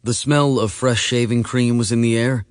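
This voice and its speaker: A man narrating an audiobook in a measured, steady reading voice. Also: mid-range voice, smooth, no room sound, studio quality. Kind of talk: scripted narration.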